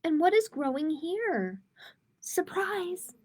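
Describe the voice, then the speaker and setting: An adult woman hosts a live-streamed online storytime for young children as a library storytime host. She reads picture books aloud with expression, adding informal asides to viewers. Her voice is very high-pitched and sing-song, slow and a little mellow.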